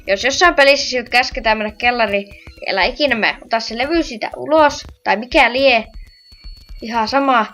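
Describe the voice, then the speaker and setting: A woman chats casually through a horror game while recording a let's play. She shrieks and yells whenever she gets scared. Her voice sits on the higher side, with faint game music in the background. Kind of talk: casual gameplay commentary.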